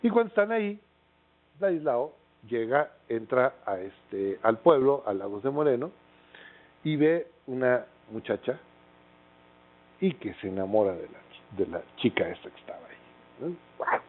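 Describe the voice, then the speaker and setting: A man's voice: medium pitch, very animated, a little slow, long pauses. A middle-aged Mexican man with a Mexican accent giving a lecture as a casual storyteller, with lots of fillers and tag questions. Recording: tinny phone-like lecture recording.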